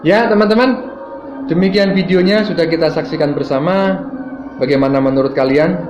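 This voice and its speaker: Male host, measured political commentary, echoey dull recording, music underneath. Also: on the high side, noisy background. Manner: addresses viewers as friends, measured explaining. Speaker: host commenting on viewer clips. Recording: roomy, dull sound with music behind.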